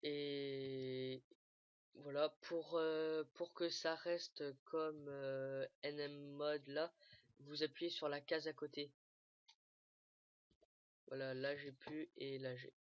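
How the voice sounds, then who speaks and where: A clean-toned, mid-range voice at a slow, level pace explains a game tool in a casual screen-recorded tutorial. The gaming creator hesitates often and fills the talk with fillers and restarts. Recorded on a dull lo-fi dry mic, there's no room sound.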